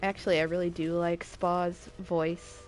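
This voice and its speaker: A woman's voice: on the low side, flat delivery, measured pace. A woman streamer giving casual, playful commentary while playing a game. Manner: chatty, playful asides.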